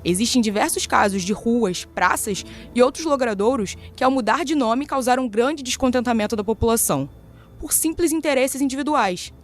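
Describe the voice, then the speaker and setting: A woman's voice: a little high, animated, moderate pace, faint music behind. A Brazilian woman giving earnest scripted narration for a podcast.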